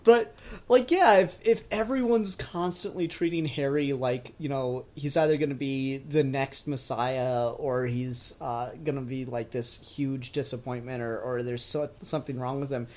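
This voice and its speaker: A podcast co-host chats casually about pop culture, swearing and emphasizing points animatedly. The voice is medium-pitched at normal speed.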